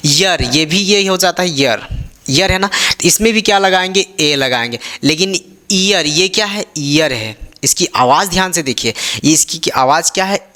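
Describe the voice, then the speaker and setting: A man's voice: fairly high pitch, sharp tone. A male teacher explaining a grammar lesson, asking the class rhetorical questions as he goes. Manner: drills students with repeated rhetorical questions. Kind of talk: classroom-style lesson in Hindi.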